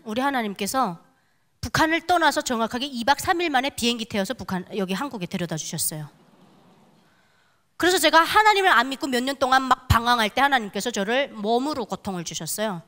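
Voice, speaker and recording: Young woman, high voice, telling her testimony all dramatic, talks right to the crowd. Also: pushed and bright. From North Korea. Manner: vivid, dramatic storytelling that addresses the audience directly. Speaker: guest speaker at a prayer meeting. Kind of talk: testimony sermon.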